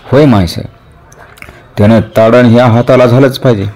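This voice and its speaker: A man's voice: mid-range voice, steady tone, normal speed, a little mellow, natural voice. A man voicing an elderly, devoted guardian, speaking in anguished self-reproach. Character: elderly devoted guardian, guilt-stricken and stern.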